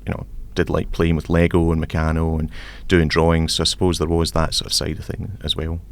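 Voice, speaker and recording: Casting: Scottish man, 40s, deep voice with a gravelly edge, thoughtful interview guest. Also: completely flat delivery, brisk. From Scotland. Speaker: civil engineer guest. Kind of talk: podcast interview.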